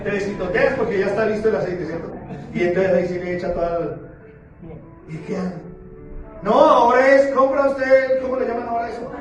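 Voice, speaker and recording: A man preaching a sermon as pastor, playful and questioning, slowing down for emphasis. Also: high-pitched, highs cut off. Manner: playful, asks the congregation questions, slows down for emphasis. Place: church sanctuary. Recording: very echoey church hall, far from the mic, with music behind.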